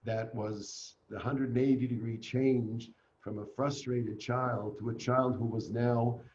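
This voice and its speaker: An older man from Canada tells his story as an interview guest, earnest and animated. His voice is mellow and dark. The sound is dull and roomy, with a faint hiss behind it, like a home video call. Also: mid-range voice.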